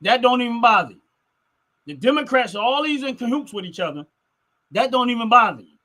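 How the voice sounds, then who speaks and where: Pitched extremely high with big swings, his voice is pushed and bright at a fairly quick clip. The middle-aged man is hosting a livestream, casually airing strong opinions to chat and repeating lines for emphasis.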